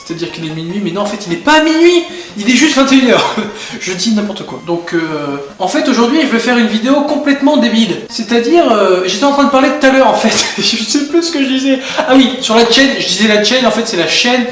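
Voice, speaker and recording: A young man vlogging in a goofy, rambling way, jumping from topic to topic and bursting loud at times. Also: extremely high pitch, brisk. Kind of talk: rambling comedic vlog. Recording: echoey room, faint music.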